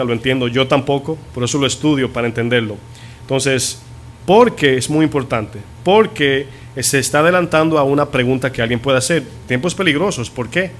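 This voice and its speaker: A man's voice: mid-range voice, slight background noise. Man preaching a teaching sermon. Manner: teaching, asks the congregation questions; stretches key words slowly for emphasis. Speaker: pastor. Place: church.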